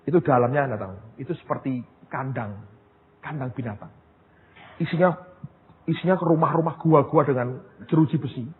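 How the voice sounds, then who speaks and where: A man preaching a sermon as pastor, telling stories in a lively way and often turning to his listeners as brothers and sisters. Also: medium pitch, normal speed, pauses often. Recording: tinny phone-like sound, long hall reverb, faint noise.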